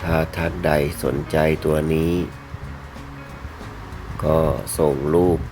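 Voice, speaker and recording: A man narrates a sales video in a very deep voice. He takes his time, speaking politely in short, separated phrases with little melodic movement. Music plays behind him. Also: little pitch movement, slow pace. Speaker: fish seller presenting betta fish for sale.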